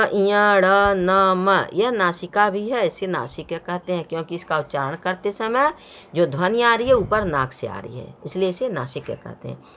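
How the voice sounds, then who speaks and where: Woman, teacher, slow deliberate pace, step-by-step explanation, muffled lo-fi recording. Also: fairly low pitch, fairly bright tone. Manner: slow, explaining step by step, repeating sounds for the learner. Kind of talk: Hindi grammar lesson. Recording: dull, muffled lo-fi sound.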